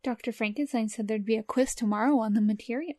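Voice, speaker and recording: A woman's voice: fairly high pitch, quick pace, warm tone, close to an everyday voice. A woman playing a cheerful, chatty small-town lady in a radio comedy drama, with chirpy, folksy politeness. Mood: polite, cheerful.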